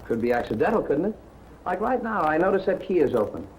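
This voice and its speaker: A wisecracking Brooklyn gumshoe. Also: male voice, on the high side, sing-song, fast, low-quality recording. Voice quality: breezy wisecracking drawl. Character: wisecracking Brooklyn ex-cop detective, breezy and sarcastic. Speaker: private investigator. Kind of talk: 1940s film acting. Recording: old film soundtrack with faint hiss.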